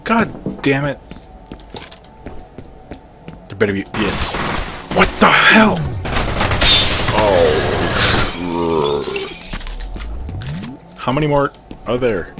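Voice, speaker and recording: Excitable young man narrating gameplay. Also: lowish voice, very slow, long pauses, very noisy. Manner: excitable, swearing, jokey outbursts. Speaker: gaming channel host. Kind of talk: casual gameplay commentary.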